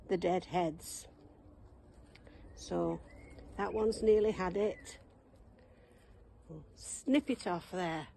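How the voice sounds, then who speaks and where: A woman gives a gentle, homely children's talk out in her garden. She speaks very slowly in a mid-range voice with a gravelly, creaky texture. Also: mid-range voice. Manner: gentle, homely, show-and-tell. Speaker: children's church leader.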